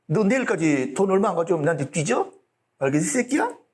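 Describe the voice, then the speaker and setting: A man's voice: sits high, big pitch swings, quick pace, darkish tone. A man voicing a swaggering young male street thug, coarse and threatening, as he acts out a scene in a sermon. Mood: menacing.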